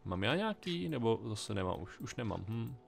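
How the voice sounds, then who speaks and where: A man's voice: fairly low pitch, very animated, gravelly. A man casually commenting on a game he plays, thinking aloud in a chatty, wry way. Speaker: let's play gamer.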